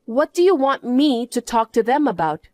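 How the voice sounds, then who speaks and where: A woman's voice: a little high, big pitch swings, normal speed, dark tone, dry recording, studio quality. A woman playing a scornful betrayed wife in a story drama, scolding and dismissive. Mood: indignant. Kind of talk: dramatised story narration and dialogue.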